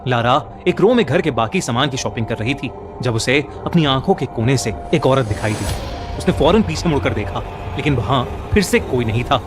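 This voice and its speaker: A man's voice: medium pitch, animated, normal speed. A man narrating a scripted horror story in a dramatic storytelling manner. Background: music.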